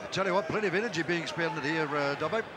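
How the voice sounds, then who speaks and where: High-voiced Kiwi man co-commentating boxing. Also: very fast, very noisy. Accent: New Zealand. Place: large indoor arena. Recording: loud crowd and music behind.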